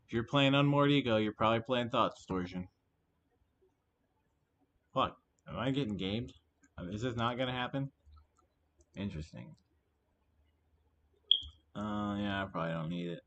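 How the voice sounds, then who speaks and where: A man's voice: on the low side, a little slow, long pauses, lo-fi sound, a little hiss or hum. Foul-mouthed gamer ranting at his opponent. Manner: swears constantly, swings from muttering gripes to yelling rants at his opponent. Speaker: gaming streamer. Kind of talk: commentary over his own online card game.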